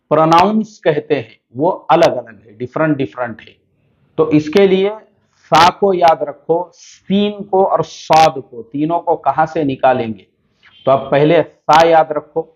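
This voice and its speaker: A man's voice: on the high side, dull audio. A man from India teaching a beginner's lesson on reading Arabic letters, drawing out each sound and explaining patiently. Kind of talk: Urdu Arabic-alphabet lesson.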